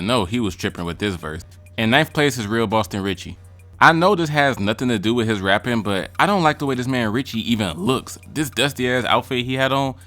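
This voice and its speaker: A man's voice: medium pitch, a bit bright. A man giving casual ranking commentary on rap verses, blunt, profane and mocking. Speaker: music reaction vlogger.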